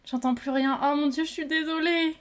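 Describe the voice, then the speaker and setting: High-pitched lady potter streaming live, chatty and jumpy, keeps saying sorry. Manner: chatty, excitable, quick to apologize. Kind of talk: casual live-stream chat.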